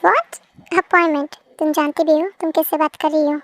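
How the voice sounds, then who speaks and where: A woman's voice: sits high, fairly even intonation, normal speed, dry recording, natural voice. A woman voicing an arrogant rich young woman. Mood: haughty. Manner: arrogant, whiny. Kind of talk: amateur Hindi fan dub.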